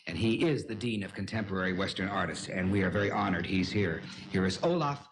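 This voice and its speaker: A man hosting a television talk show, jovial and teasing, with frequent filler pauses. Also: deep voice, heavy background noise.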